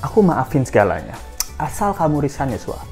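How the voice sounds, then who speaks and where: A woman voicing a haughty woman of rank who speaks slowly and condescendingly. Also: a bass voice, big pitch swings, warm tone, faint music behind.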